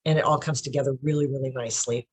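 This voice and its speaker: A woman's voice: extremely low pitch, steady tone, quick pace, husky. A middle-aged woman, a children's book author, chatting animatedly in an interview over a video call, laughing often and getting emotional. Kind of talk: casual interview.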